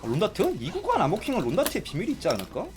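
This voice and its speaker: A man giving excitable live commentary on a fighting game, exclaiming and complaining as he plays. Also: high voice, very fast, noisy background. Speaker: gaming streamer.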